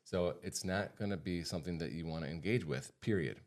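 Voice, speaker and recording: Briskly and informally, an American financial advisor talks through his podcast, driving points home by repeating them. His voice is deep with a darkish tone.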